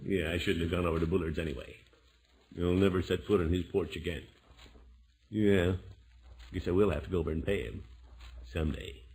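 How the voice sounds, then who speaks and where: An actor playing a blustery, fond middle-aged uncle in an old radio sitcom, with theatrical exclamations. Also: male voice, low-pitched, fairly even intonation, fairly quick, long pauses, darkish tone, poor audio. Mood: grumbling, fond. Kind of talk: 1940s-50s radio sitcom acting. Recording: old-time radio recording, faint noise.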